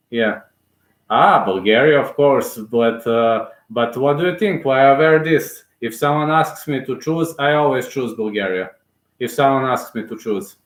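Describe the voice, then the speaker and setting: A man's voice: medium pitch, reverberant, poor audio. A man from Serbia, commentating fights live and answering chat in a rambling, hesitant way. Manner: rambling, hesitant, repeats himself.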